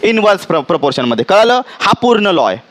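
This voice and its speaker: High-voiced Marathi physics teacher quizzing class. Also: male voice, sing-song, fairly bright tone. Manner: quizzes students with frequent checks and dictates slowly. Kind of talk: classroom lecture.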